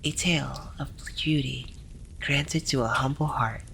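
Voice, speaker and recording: A storyteller narrating a scripted tale in a gentle, hushed ASMR library whisper, often slipping into breathy whispering. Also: mid-range voice, fairly even intonation, measured pace, a little hiss or hum.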